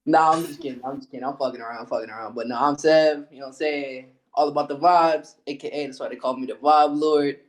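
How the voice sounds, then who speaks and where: A man's voice: fairly high pitch, steady tone, fast talker, few pauses. A man co-hosting a casual podcast, laid-back and jokey, with slangy talk. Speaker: podcast co-host.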